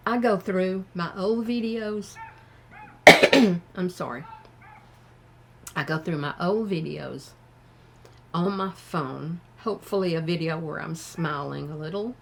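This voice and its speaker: An older woman with a Southern US accent gives frank, plain-spoken advice to her viewers, talking slowly and thoughtfully. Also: on the low side, gravelly, background noise. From American South. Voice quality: slow and thoughtful. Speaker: vlogger. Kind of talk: casual advice talk to camera.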